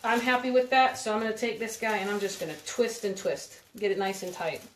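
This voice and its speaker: A woman's voice: medium pitch, a little fast, a little hiss or hum. A woman talks viewers through a crafting project on a live stream, rambling and chatting as she works. Her talk is casual and loose. The room around her sounds echoey. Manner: chatty, rambling, giggly, talks while working with her hands. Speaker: craft video host.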